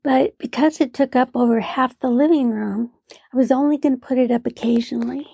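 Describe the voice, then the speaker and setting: A woman with a fairly high, husky voice tells a gentle story about her cat, often dropping into a half whisper. Her tone is mellow and gravelly. The recording is dry and close. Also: fairly even intonation, brisk, no room sound. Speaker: cat owner telling a story. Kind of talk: personal storytelling.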